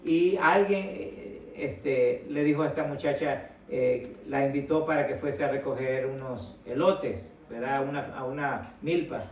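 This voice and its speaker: A man's voice: medium pitch, unhurried, few pauses, a little hiss or hum. A middle-aged man from El Salvador, preaching a sermon in a conversational way and often calling his listeners brother. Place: church hall. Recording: echoey hall, voice from a distance.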